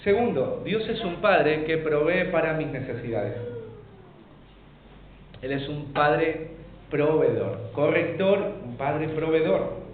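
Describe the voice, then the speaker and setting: A man preaching a sermon as pastor, emphatic, with rhetorical questions, swinging between loud and hushed. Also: fairly high pitch, lively intonation, takes it slowly, a little hiss or hum. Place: church hall. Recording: echoey church over a tinny lo-fi line.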